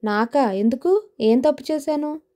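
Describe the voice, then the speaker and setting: A woman's voice: high voice, unhurried, mellow, voice pushed up. A woman voicing a sweet young college girl with a pouting, pleading manner.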